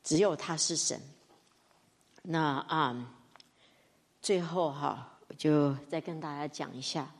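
A woman preaching a sermon, animated, moving from soft talk to loud, high outbursts. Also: slow, long pauses. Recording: long reverb of a church hall.

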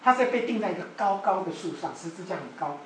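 A woman preacher delivering a sermon, animated and full of rhetorical questions to the audience. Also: on the low side, quick pace, slight background noise. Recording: echoey room, voice from far off.

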